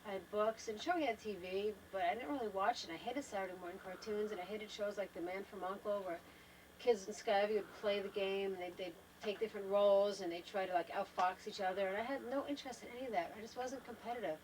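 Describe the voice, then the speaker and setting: A woman's voice: medium pitch, darkish tone, distant mic, rough recording. Older lady rambling thoughtfully in a camper, home video cam across the room, light hum. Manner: thoughtful, unhurried, trailing off and restarting. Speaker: wife in a family home video. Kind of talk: casual reflective talk to camera. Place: inside a travel trailer.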